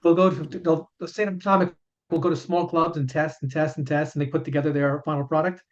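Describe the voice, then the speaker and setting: A fifties-aged chiropractor and author answers interview questions earnestly, often repeating words while he explains. His voice is slightly high with little pitch movement and a brisk pace. The recording sounds dull and lo-fi.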